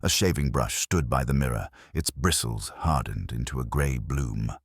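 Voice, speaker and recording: A man narrates a literary detective story in the first person, reading scripted prose with a measured, reflective delivery. His pitch is extremely low with a breathy edge, and the recording is dry and studio quality.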